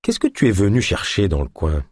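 A man voicing a gruff suspicious guard. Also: low voice, wildly swooping pitch, brisk, a little mellow, dry recording, studio quality, heavily acted. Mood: gruff, wary. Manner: grumbling, blunt and streetwise. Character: suspicious gruff male guard, crude and blunt.

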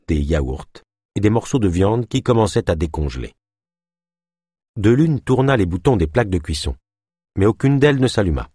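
A man narrating an audiobook in a lively, expressive storytelling manner. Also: deep voice, husky, dry recording, studio quality.

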